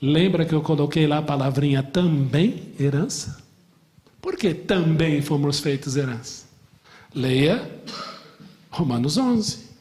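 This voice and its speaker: A man from Brazil, a middle-aged pastor, teaching a lively Bible class, asking the class questions and joking. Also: on the high side, slow pace, long pauses, long reverb tail. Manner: animated, asks the class questions and jokes.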